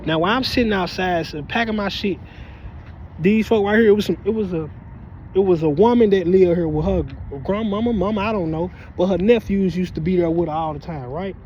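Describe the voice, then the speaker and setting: A man talking in a casual, animated street-side vlog outdoors, sitting outside his house and often asking "you hear me". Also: high voice, brisk. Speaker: vlogger. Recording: slightly dull phone audio with faint street noise.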